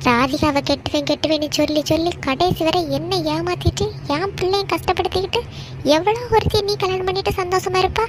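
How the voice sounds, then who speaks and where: A woman with a Kanyakumari Tamil accent voicing a fiery, sharp-tongued village housewife in a cartoon, scolding and threatening. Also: extremely high pitch, steady tone, noisy background. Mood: angry. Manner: scolding, threatening, fast temper.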